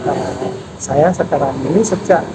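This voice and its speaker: A man in his fifties, head of a national park office, answering interview questions in a measured, explanatory way with frequent pauses and fillers. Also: fairly high pitch. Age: 50s. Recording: noisy background with passing vehicles.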